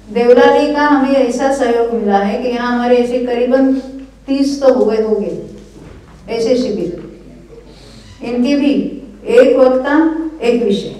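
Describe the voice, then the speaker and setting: An older woman, a scripture teacher, gives an earnest and encouraging lecture at a religious study camp, frequently checking in with her listeners. Her voice sits on the high side with a dark tone and a slight hiss or hum. She is recorded from far off the mic in an echoey hall.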